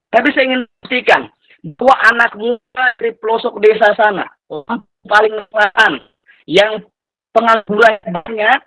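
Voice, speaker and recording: A young man from Lampung, Indonesia, in his twenties, gives a heartfelt motivational talk, often repeating his phrases and weaving in religious blessings. His voice sits high and bright. The sound is close and dry, with no room around it. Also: no echo, rough recording. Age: 20s. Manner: earnest, repetitive and religious, mixing in Islamic phrases. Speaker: motivational speaker. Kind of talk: motivational talk to an online community.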